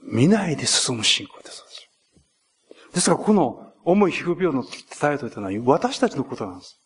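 A male pastor preaching a sermon in an earnest way, rising to emphatic peaks and slowing for key points. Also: on the high side, big pitch swings, slightly rough.

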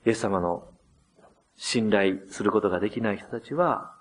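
A man preaching a sermon as pastor, gently explaining and addressing the congregation, dramatizing quoted words with changes in voice. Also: normal speed. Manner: dramatizes quoted words with shifts of pitch and loudness.

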